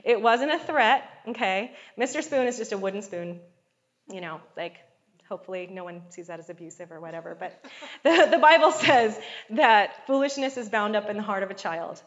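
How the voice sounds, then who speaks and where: A woman's voice: mid-range voice, animated, moderate pace. Middle-aged woman preacher, chatty sermon delivery with constant call-and-response checks. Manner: conversational, frequent call-and-response "Amen?" and "okay?".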